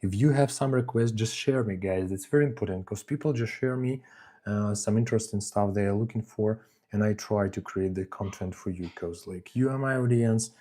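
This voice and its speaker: A man from Ukraine with halting English and many fillers, chatting casually on a live painting stream. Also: lowish voice, mellow. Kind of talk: live-stream hobby chat. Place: home hobby desk.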